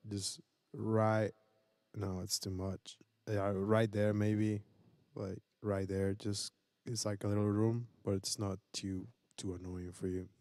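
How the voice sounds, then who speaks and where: A man in a home studio talks viewers through his live stream in a loose, rambling way, full of fillers and restarts. His voice sits on the lower side, and the sound is dry and close. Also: a little mellow, no echo. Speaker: streamer and beat producer. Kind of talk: casual live-stream tutorial.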